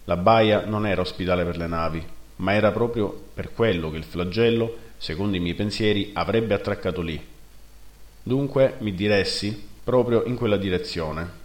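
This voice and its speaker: A man narrating a first-person fantasy story in a steady, measured reading, in a roomy recording. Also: on the low side. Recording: roomy echo.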